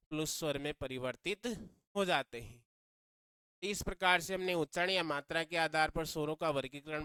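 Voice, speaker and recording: A man's voice: a little high, sharp tone, clean tone, no echo. A man teaching a grammar lesson, repeating key phrases and quizzing his students as he goes.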